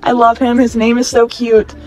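A woman's voice: a little high, moderate pace, soft background music. Gushing young woman in a store. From California. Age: 20s. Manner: gushing, excitable, chatty. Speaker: vlogger. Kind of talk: casual shopping vlog narration. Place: in stores with background music, holding a phone. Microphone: phone camera.

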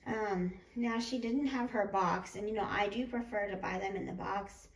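A woman with a slightly harsh, hoarse voice from being sick, chatting casually and ramblingly as she shows off her hobby finds. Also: mid-range voice, moderate pace. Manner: informal, rambling, self-correcting. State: getting over a sickness, slightly hoarse. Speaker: doll collecting vlogger. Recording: roomy echo with clear background noise.

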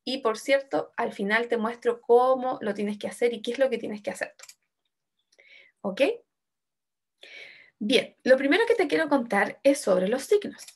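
Lady teacher talking to little kids, bouncy sing-song voice, bit gravelly and husky, acts out the examples. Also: fairly high pitch, measured pace, pauses often. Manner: expressive, acts out example sentences with emotion. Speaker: primary school teacher. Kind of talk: online class for young children.

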